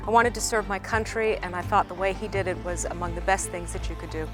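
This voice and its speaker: A woman diplomat giving a clear, direct interview answer. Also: medium pitch, fast talker, music in the background.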